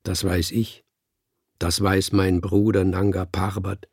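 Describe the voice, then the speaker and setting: A solemn male cat holds forth to his fellow cats in a slow, sonorous, sermon-like voice, as a man reads him in an audiobook. The tone is low and a little husky. The recording is close and dry. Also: little pitch movement, a little mellow, no room sound, exaggerated voice. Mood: grave. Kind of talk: audiobook reading.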